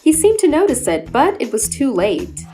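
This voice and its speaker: A woman's voice: sits high, sing-song, moderate pace. A woman reading scripted narration as the narrator of a video compilation. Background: background music.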